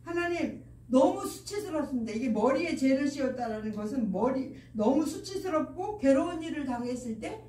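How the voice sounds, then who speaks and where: A woman's voice: high voice, moderate pace, few pauses, warm tone. A woman preaching a sermon at a youth service in a chatty way, asking the listeners questions. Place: church hall, indoors. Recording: echoey church hall, mic far off, faint noise.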